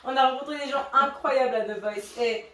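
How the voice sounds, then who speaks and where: A woman singer from Switzerland in casual chat, lively and laughing often, trailing off mid-sentence. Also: sits high, brisk. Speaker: singer in a vocal group. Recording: roomy, distant from mic, faint noise.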